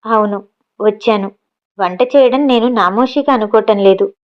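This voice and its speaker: A woman's voice: mid-range voice, moderate pace, muffled recording, close to an everyday voice. A woman voicing a proud, educated young woman who works as a cook and answers back bluntly. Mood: defiant. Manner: cutting, matter-of-fact retorts.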